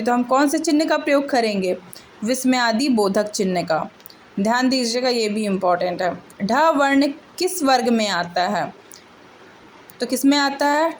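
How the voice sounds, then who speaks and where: A woman's voice: a little high, slight background noise. A woman teacher going through multiple-choice exam answers, asking each question aloud and answering it herself, with frequent checks of "okay". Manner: repeats answers and adds "ठीक है" checks.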